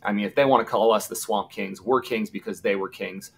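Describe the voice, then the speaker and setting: A man in his thirties with a lowish voice recounts old game days in a relaxed, anecdotal way. He talks casually as an interview guest and now and then acts out the shouts of the moment. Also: brisk, vocal fry, slight background noise. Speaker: guest, former college football punter.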